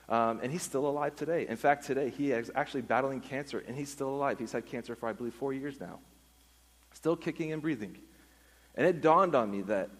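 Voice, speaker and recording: A man telling an earnest personal testimony in a sermon, going low and quiet at the emotional moments. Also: breathy edge, in a large hall, low-quality recording. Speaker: speaker giving a testimony.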